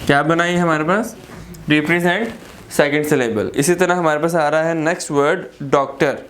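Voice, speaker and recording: Pakistani man, slightly high voice, patient repetitive classroom teacher, faint background hiss. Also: a bit bright. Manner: explains slowly, repeating words and asking rhetorical questions. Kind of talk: classroom grammar lesson.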